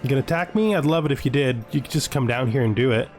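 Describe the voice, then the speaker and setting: A man hosts a gaming video series, thinking aloud as he comments on a let's play and tossing in playful mock-menacing asides. His voice is medium-pitched and rapid-fire, with music playing behind it.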